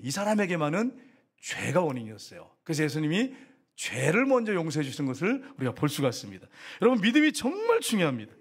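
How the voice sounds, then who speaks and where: Lively high-voiced male preacher. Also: breathy edge. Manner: animated preaching with rhetorical questions to the congregation. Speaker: pastor. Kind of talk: sermon.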